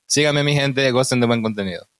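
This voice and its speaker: A man's voice: mid-range voice, fairly quick, fairly bright tone, dry recording. A man from El Salvador, a podcast guest, cracking jokes in casual chat. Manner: wisecracking, chuckles through lines.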